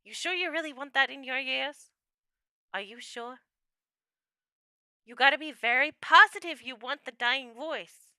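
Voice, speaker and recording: A woman's voice: high voice, measured pace, pauses often, bright, forceful tone, dry recording, studio quality. A young adult woman chatting casually with viewers on her livestream, playful and laughing often.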